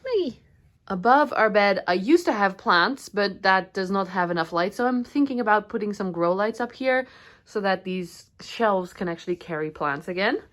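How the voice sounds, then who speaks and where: A woman's voice: medium pitch, normal speed, fairly bright tone. A woman from the Netherlands hosting a casual vlog house tour at home, slightly out of breath, chatty and self-deprecating with frequent laughs. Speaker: plant channel host. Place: at home indoors, walking between rooms.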